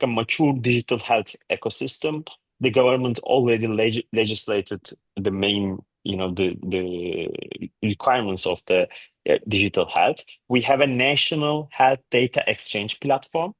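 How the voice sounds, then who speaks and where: A man, a startup founder answering a panel's questions on a video call, halting with many restarts. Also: mid-range voice, no room sound. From Turkey.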